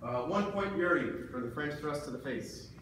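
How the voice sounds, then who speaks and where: A man with a fairly high, swooping voice referees a combat sport bout in booming, commanding calls. His delivery is measured, like an announcer giving rulings. The sound is very echoey, picked up from across the room. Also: animated, fairly bright tone. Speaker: match referee. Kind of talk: refereeing a martial arts sparring match. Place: large indoor gym with rubber floor. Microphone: distant camera microphone. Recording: distant camera in echoey hall, background noise.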